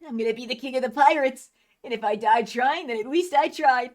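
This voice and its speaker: A fearless young pirate boy from a cartoon, blunt and breezy, as a woman plays him. His voice is light and high. He shrugs off danger with easy confidence. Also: fairly quick, lightly acted. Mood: determined. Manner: easygoing, blunt, cheerful.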